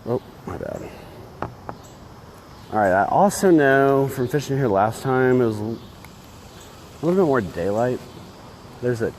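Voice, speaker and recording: Under a bridge outdoors, a fishing livestream host with a middling, slightly mellow voice chats casually as he fishes, rambling with modest, opinionated asides. The phone recording picks up faint ambient noise behind him.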